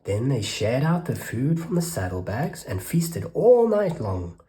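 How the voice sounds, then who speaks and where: Slow, expressive children's storyteller. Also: medium pitch. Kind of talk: children's read-aloud narration.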